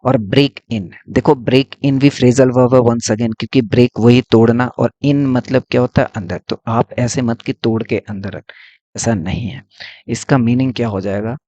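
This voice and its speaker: A man teaching English vocabulary in a casual lesson, explaining slowly and asking then answering his own questions. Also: medium pitch, steady tone, warm tone, no echo.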